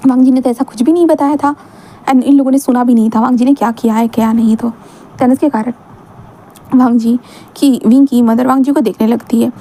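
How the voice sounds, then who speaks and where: A woman's voice: a little high, steady tone, a little fast, mellow. A woman narrating a fan fiction story in a chatty, casual way, full of fillers and English words.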